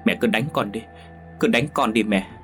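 A man's voice: on the low side, normal speed, a bit bright, faint music behind, close to an everyday voice. A man playing a tearful remorseful son. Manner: tearful, pleading. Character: remorseful young man begging forgiveness.

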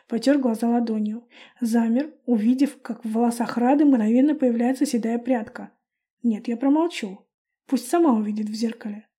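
A woman calmly narrating a first-person audiobook. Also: on the high side, slightly rough.

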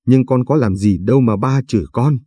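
A man's voice: mid-range voice, fairly quick, dark tone, husky, no echo, lightly acted. A man voicing a young son-in-law who protests and flares up indignantly. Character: young son-in-law, defensive and quick to anger.

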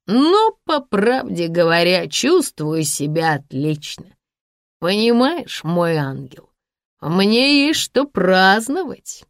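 Woman doing drunken ruined man, slurring, loud and theatrical, drawn-out slow delivery, dry close sound. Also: mid-range voice, very animated, dry recording. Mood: drunk, mocking. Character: drunken boastful ruined man, swaying and mocking. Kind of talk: audiobook character voice.

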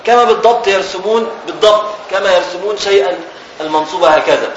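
A man's voice: sits high, fast talker, reverberant, lo-fi sound, a little hiss or hum. A man with an Egyptian Arabic accent teaching a classical religious text. He reads passages, then explains them in colloquial speech and repeats his key phrases.

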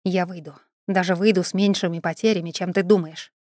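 Woman voicing a hushed scheming jailed man. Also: fairly even intonation, a little fast, no room sound, clean studio sound, lightly acted. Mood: hushed urgent. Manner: low hushed murmur.

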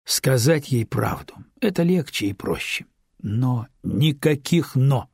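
A decisive, stern man gives brusque orders, as an audiobook reader plays him. The voice is gravelly and deeply husky. It is recorded dry. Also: animated, normal speed, no room sound, full character voice. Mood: firm. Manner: firm, commanding, brusque. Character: stern, decisive man, middle-aged friend. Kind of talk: audiobook character reading.

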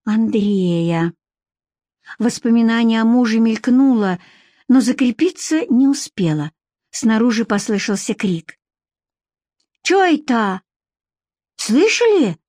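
A woman reads an audiobook in a steady, measured way. Her voice sits a bit high. The recording is dry and close. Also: dry recording. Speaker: audiobook narrator. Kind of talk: scripted narration.

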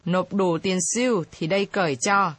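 A woman's voice: lowish voice, normal speed, no room sound, close to an everyday voice. A woman reading aloud, voicing a greedy, boastful male village chief who drawls his words. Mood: drawling.

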